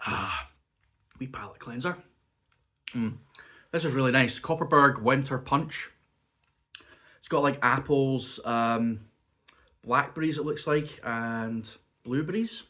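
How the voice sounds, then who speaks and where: Tasting cheese and crackers indoors for his relaxed food vlog, the reviewer talks in a chatty way and reflects aloud on each bite. His mid-range voice is slow and sharp-toned, broken by long pauses. He's a little sniffly and has a cough left over from being sick.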